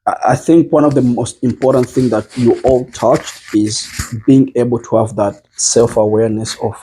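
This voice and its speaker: A man in a casual group discussion, leading it and reflecting on parenting in a measured way, with frequent ums and restarts. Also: mid-range voice, fairly even intonation, dark tone, husky, low-quality recording. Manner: measured, thinking aloud with many ums and restarts.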